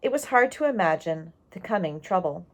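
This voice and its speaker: Reading a storybook to young listeners, a woman with a lowish voice performs expressively and explains along the way. She pauses on important words and slips in side comments.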